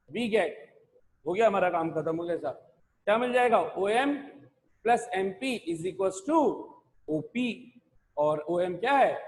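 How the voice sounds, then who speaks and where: A man with a high voice teaches physics at a slow, deliberate pace, dictating terms word by word and asking the class rhetorical questions. He switches between Hindi and English as he lectures. The sound carries a long reverb, as in a large hall.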